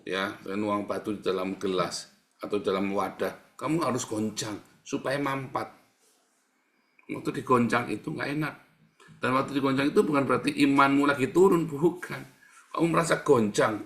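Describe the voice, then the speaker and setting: A man's voice: medium pitch, a bit bright. Joking, conversational male preacher. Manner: joking, conversational, addressing the congregation. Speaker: pastor. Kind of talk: sermon.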